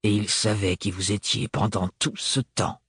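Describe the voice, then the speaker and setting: A man's voice: fairly low pitch, level tone, normal speed, fairly bright tone, slightly rough, dry recording, studio quality, voice pushed down, exaggerated voice. A man voicing a tall, stern and cold nobleman in an audiobook, curt and hard in his delivery. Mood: stern, low.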